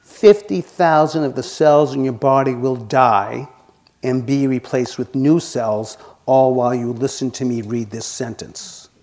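60-something meditation teacher doing a dharma talk, jokes about himself a lot, mid pitch. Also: male voice, a little slow. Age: 60s. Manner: gently humorous, self-deprecating.

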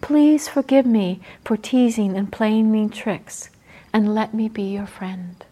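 Woman playing a monkey, male, mischievous yet sorry, soft, storybook. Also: mid-range voice, slow pace. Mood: remorseful.

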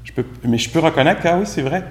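A man with a Québécois French accent giving a relaxed, conversational Buddhist dharma talk as a meditation teacher, with gentle self-mocking humor. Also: on the high side, fast. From Quebec. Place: room with a live group. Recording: echoey room recording.

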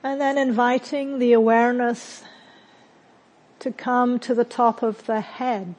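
A woman leads a guided meditation at a very slow pace. Her voice sits a little on the high side. She speaks calmly and gently, in short phrases with long, unhurried pauses. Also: low-quality recording. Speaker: meditation teacher. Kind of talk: guided meditation, body scan.

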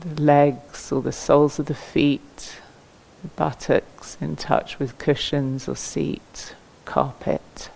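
A woman teacher leads a guided meditation, speaking gently and leaving long pauses between phrases. Her voice is deep with vocal fry and little pitch movement, on a low-quality recording.

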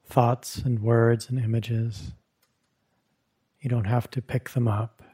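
A medium-pitched man with a mellow, husky voice and little pitch movement leads a meditation in a retreat meditation hall. Like a teacher easing a group into stillness, he talks very slowly and softly, leaving long pauses between brief phrases.

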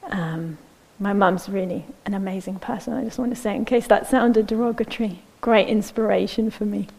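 A woman meditation teacher giving a gentle, unhurried dharma talk, often checking in with "yeah?" and sometimes dropping to a near-whisper. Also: medium pitch, vocal fry, low-quality recording.

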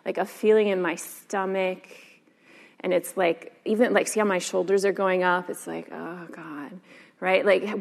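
A woman's voice: mid-range voice, darkish tone. A woman teacher giving a casual dharma talk, chatty and full of "like" and "um". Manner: casual, chatty, many fillers. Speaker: meditation and yoga teacher. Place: meditation hall. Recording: long hall reverb.

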